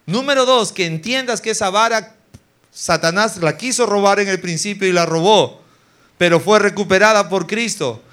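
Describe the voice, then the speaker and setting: A male pastor at a weekly church service with a notably high-pitched voice. He preaches in an animated way, acting out scenes and firing rhetorical questions at the congregation. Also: moderate pace. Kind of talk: sermon.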